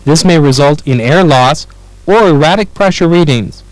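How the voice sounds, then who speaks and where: A man with an American accent, his voice on the high side, reads scripted training-film instructions clearly and at a measured pace. There's no room sound, and the recording is rough.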